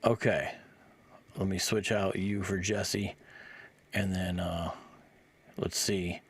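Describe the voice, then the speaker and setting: A man's voice: sits low, steady tone, takes it slowly, husky. A man hosting a live online talk show, easygoing and casual, calling his guests bro and man.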